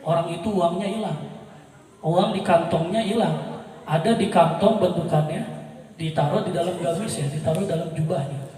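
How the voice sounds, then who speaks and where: A man preaching a storytelling sermon at an outdoor evening gathering, lively, slipping into different characters' voices. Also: sits high, moderate pace. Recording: echoey yard PA from far off.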